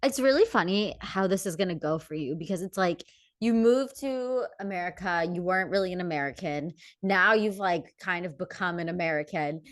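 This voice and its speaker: Young adult woman, podcast co-host; lowish pitch, easygoing and reflective, with lots of "like". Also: normal speed. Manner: relaxed, reflective, says "like" a lot. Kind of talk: casual chat.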